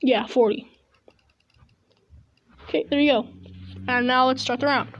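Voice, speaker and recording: A woman's voice: high voice, fairly even intonation, a little slow, dull audio, slight background noise. A woman giving casual, rambling gameplay commentary at home, chewing gum, recorded through an earbud mic with many stops and restarts. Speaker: gaming video host. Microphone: earbud headset mic.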